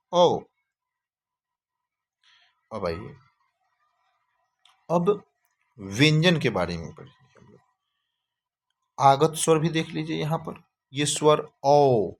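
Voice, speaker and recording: Slow Hindi grammar teacher, man. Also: mid-range voice. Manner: slow, repeats key terms as questions.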